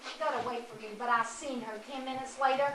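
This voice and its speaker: Woman acting gossipy brassy housewife, stage play, high voice, loud background noise. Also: fairly even intonation, quick pace, close to an everyday voice. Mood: gossiping. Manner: brassy, wisecracking, dramatic. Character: brash gossipy Texas housewife, mother of unruly kids. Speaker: stage actor. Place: small theater stage. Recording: roomy theater audio from far off, loud noise.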